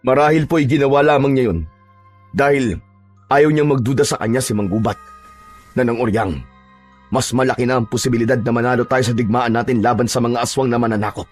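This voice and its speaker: A man voicing a calm, steadfast village chieftain in a narrated horror audio drama, speaking in a measured, reassuring way. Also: mid-range voice, faint music behind, close to an everyday voice.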